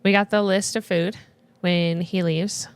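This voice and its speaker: A woman's voice: lowish voice, fairly even intonation, unhurried. A young adult woman co-hosting a podcast, talking about a book in casual chat and laughing often. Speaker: podcast co-host.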